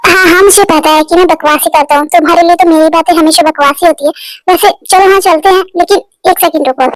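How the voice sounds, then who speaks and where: A woman's voice: very high-pitched, fairly even intonation, fast talker, poor audio. A woman dubbing a teasing bossy young man. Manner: mocking, bantering. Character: teasing, bossy young male business partner. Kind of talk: amateur fan dub.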